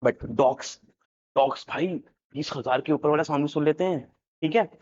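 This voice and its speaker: A man's voice: on the high side, unhurried, a little mellow, a little hiss or hum. A man teaching a lesson, playful and jokey, switching between Hindi and English. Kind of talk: animated classroom lecture. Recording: dull lo-fi sound.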